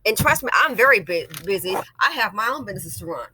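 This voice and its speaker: A YouTube host who also owns a small business delivers a casual, opinionated monologue, emphatic and repeating phrases to drive her point home. Her medium-pitched voice has lively intonation and a quick pace, against a noisy background.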